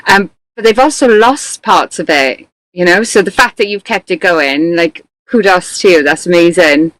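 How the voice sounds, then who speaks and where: A woman hosting a casual live interview, chatty and quick to laugh, with many fillers. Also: on the low side, no echo, rough recording. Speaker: host.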